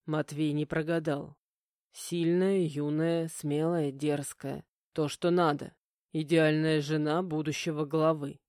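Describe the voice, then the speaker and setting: Brief: woman voicing a cold domineering young heir, low and warm-toned, curt and calm. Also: takes it slowly, no echo, clean studio sound. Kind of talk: audiobook character voicing.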